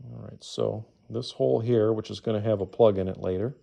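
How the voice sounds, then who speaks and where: Working in a garage, a middle-aged man gives a casual engine-rebuild tutorial, muttering to himself as he goes. His voice, on the low side, is warm and creaky, fairly quick and steady in tone.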